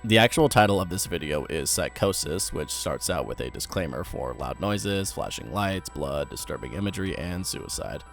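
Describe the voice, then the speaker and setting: A man's voice: extremely low pitch, lively intonation, moderate pace, hardly any pauses, soft background music. A young man giving wry, sarcastic commentary on horror videos.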